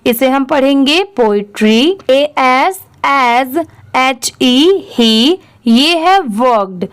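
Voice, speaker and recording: A woman's voice: high-pitched, lively intonation, clear, resonant tone. A woman teaching English reading, spelling words out letter by letter and asking and answering her own questions. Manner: reads English text word by word, very slowly. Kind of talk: slow spelled-out reading lesson.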